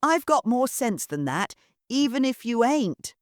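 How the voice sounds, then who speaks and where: A woman's voice: on the high side, big pitch swings, measured pace, dry recording, clean studio sound, voice pushed up. A woman voicing a blunt, suspicious working-class housemaid who grumbles in broad dialect.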